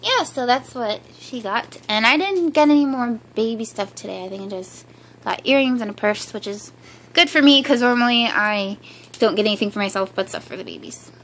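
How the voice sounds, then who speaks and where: A vlogger's somewhat high, slightly bright voice comes through a low-quality recording as she chats quickly and upbeat for an indoor home haul. She giggles frequently on her living room floor, with a handheld camera pointed down at her.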